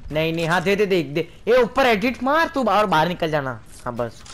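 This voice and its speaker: A young man with an Indian accent giving quick, excited callouts to a teammate during a shooter game, often laughing, on a headset mic. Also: sits high. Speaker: gaming streamer. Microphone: gaming headset. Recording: noisy game audio behind.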